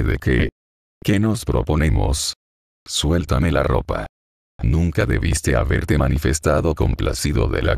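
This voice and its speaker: A proud teenage girl who scolds sharply and impatiently, as a man reads her part. The voice sits very deep and rough with heavy gravel, and the sound is close and dry. It is a storybook reading. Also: a little mellow, dry recording, exaggerated voice.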